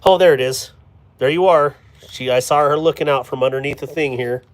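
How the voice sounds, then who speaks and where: A livestream host with a brisk, mid-range voice rambles casually to his chat. He sorts stickers and gear at a cluttered workspace as he talks.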